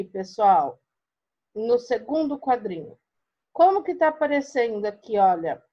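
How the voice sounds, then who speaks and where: A Brazilian woman teaches primary school pupils in a recorded online lesson. She speaks slowly and expressively in a fairly high voice, often checking that her students are following. The recording sounds dull and lo-fi. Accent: Brazilian Portuguese.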